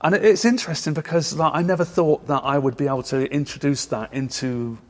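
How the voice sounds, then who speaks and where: A man hosting a casual podcast chat, playful and quick to laugh. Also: a little high, darkish tone. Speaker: podcast host, wedding photographer.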